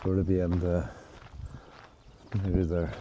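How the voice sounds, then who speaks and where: A travel vlogger talks to his handheld camera while walking outdoors in nature, rambling and hesitant with many restarts in a casual vlog. His voice is low and dark with little pitch movement, and he takes it slowly. The audio is dull, with a little hiss or hum.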